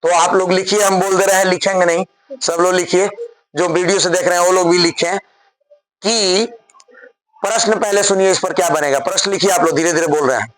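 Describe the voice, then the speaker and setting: A man's voice: high voice, steady tone, brisk, crowd noise. A man teaching a physics lesson to a class. He dictates word by word and keeps asking the students questions.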